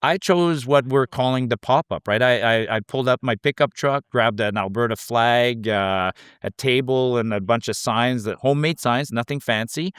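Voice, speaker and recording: Male guest storyteller, animated, many restarts, smooth clear voice, dry close sound. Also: medium pitch, normal speed, hardly any pauses, dry recording. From Canada. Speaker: guest petition canvasser. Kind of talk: casual storytelling. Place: rural Alberta.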